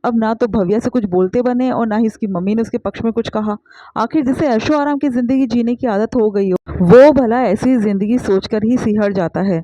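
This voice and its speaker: Mellow woman narrating a family story. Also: on the high side, moderate pace, no echo. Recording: dull lo-fi recording.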